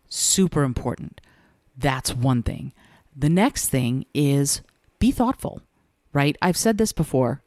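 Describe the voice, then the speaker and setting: A woman with a notably low voice hosts a solo podcast, speaking in a measured, deliberate way and leaving room for pauses. The sound is dry and close, with no room around it. She talks like a coach giving advice. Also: darkish tone, no echo. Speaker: podcast host and communication coach.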